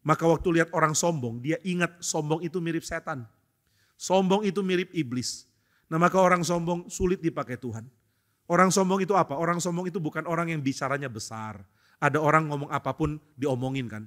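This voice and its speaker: A male pastor preaching a sermon in a church, lively and humorous, acting out short dialogues. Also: a little high, fairly quick.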